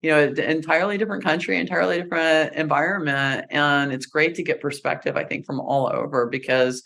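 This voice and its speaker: A middle-aged woman hosts a casual interview show, thanking her guest warmly in an easy, chatty way. Her voice has a slight gravelly edge. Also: sits low, steady tone, a little fast. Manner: warm, appreciative, chatty with laughs. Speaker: podcast host. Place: home studio with wooden wall.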